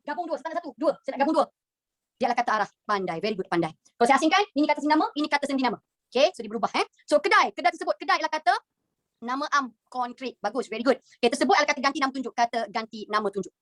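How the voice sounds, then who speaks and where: A quick, fairly high-voiced Malaysian woman marks grammar answers for her class and keeps praising the students as she goes. She drags out word classes piece by piece and slips English words in among the Malay. The sound is dry and close, with no room echo. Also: expressive, a bit bright. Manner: encouraging, praises students often, mixes in English; spells out word classes in drawn-out chunks. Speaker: teacher. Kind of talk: online grammar lesson, marking answers.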